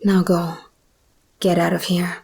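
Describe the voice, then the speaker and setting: This ASMR roleplay features a woman as an alluring yet menacing female monster hybrid, her breathy whisper slow, measured, and teasing. She keeps a level, darkish tone at a fairly low pitch, acting it up heavily.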